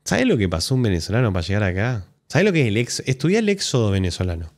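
A man's voice: lowish voice, big pitch swings, racing. A man with an Argentine accent, hosting a live stream and reacting to clips in blunt, sarcastic, profanity-heavy commentary. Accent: Argentine Spanish. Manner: blunt, sarcastic, swears often.

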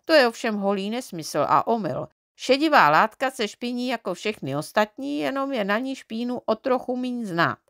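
A woman reading a children's storybook aloud in an expressive, measured way. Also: fairly high pitch, no echo, clean studio sound. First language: Czech. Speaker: audiobook reader.

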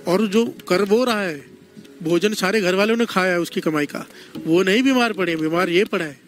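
A man preaching a devotional storytelling sermon, slow and deliberate, who keeps calling on the congregation to answer him. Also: high-pitched, faint music behind. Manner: call-and-response preaching, leads the congregation in responses.

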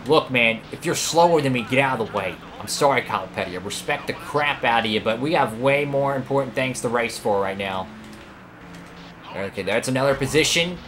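A man commentating live over his own racing game career run, excitable and prone to sudden outbursts at other drivers and his car. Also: mid-range voice, brisk, noisy background. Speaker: gaming YouTuber.

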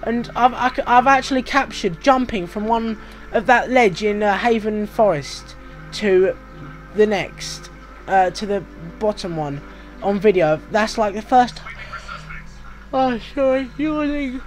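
A man's voice: high-pitched, measured pace, soft background music. A British man hosting a video game walkthrough, chatting casually in a rambling, self-mocking way. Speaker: gaming walkthrough host.

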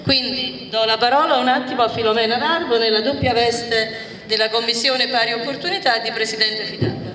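A middle-aged woman moderating a live book event on a handheld microphone, brisk and organizing as she hands the floor to each speaker. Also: a little high, steady tone, bright, forceful tone. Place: large indoor hall at a public book presentation. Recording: echoey hall with audience noise.

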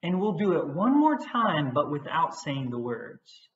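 A woman teacher giving a patient, gentle lesson on feelings for young children. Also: low-pitched, big pitch swings, unhurried. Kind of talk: children's social-emotional lesson. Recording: echoey, dull recording.

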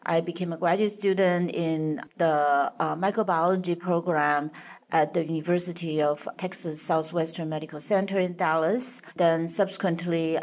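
A woman's voice: fairly low pitch, a little mellow. A middle-aged woman from Taiwan, a guest scientist, answering interview questions in a thoughtful way with restarts and fillers.

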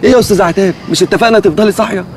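An actor playing a bossy, excitable stranded man who nags his friends, in an Egyptian accent. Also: sits high, very fast, slight background noise. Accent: Egyptian Arabic. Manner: bossy, excitable comic scolding. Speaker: castaway leading a group. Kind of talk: TV sitcom acting. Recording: music score underneath.

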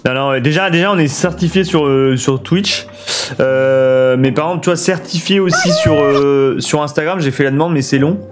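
A man's voice: fairly high pitch, moderate pace, background noise. A man streaming a building game, thinking aloud and chatting with his viewers in a casual way. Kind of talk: casual let's play commentary.

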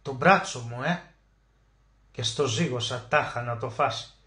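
A man narrating a literary short story as an audiobook, emotive, slowing down to stress key words. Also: medium pitch, pushed and bright. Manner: emotive, with slow drawn-out emphasis on key words. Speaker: audiobook reader. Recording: roomy echo.

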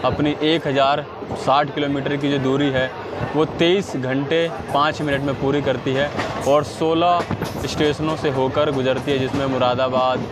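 A young man in his twenties chatting casually as a travel vlogger, filming himself at the open door of a moving train and often addressing viewers as brother. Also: medium pitch. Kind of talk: casual travel vlog narration. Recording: loud rattling train noise. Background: loud train and track noise.

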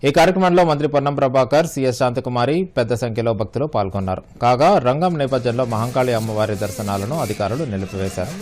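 Male news narrator, brisk scripted delivery, medium pitch, faint ambient noise underneath. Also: darkish tone.

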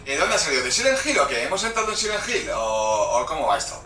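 A young man doing gameplay commentary, hyper and shouting with crude jokes. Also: on the high side, very animated, quick pace, far from the mic. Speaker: gaming YouTuber. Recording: roomy, off-mic, game music behind.

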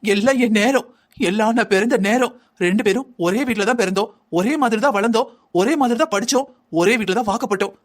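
An envious young wife in a cartoon drama, as a man puts her on, nagging and whining without a pause. The voice sits high and the words tumble out fast. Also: natural voice. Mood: lamenting. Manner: nagging, whining, quick and insistent. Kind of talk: Tamil cartoon voice acting.

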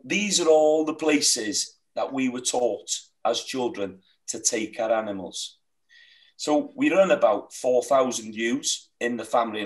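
This guest, a middle-aged sheep farmer from Wales, speaks Welsh as his first language and has a fairly low voice. Describing his hill farm on a video call, he's earnest and heartfelt, rambling and restarting. His webcam mic is distant and the recording rough.

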